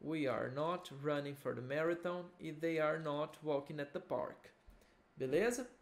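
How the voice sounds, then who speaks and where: Young male English teacher with a Brazilian accent, slightly high and unhurried, recorded at a home computer mic. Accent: Brazilian Portuguese. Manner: slow, patient explaining with frequent check-ins. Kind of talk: recorded video lesson.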